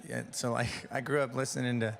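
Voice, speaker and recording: A man's voice: medium pitch, little pitch movement, quick pace, gravelly, fairly bright tone. A young man from Mexico, a musician guest chatting casually in an interview in front of a studio audience, laid-back and slangy with many restarts.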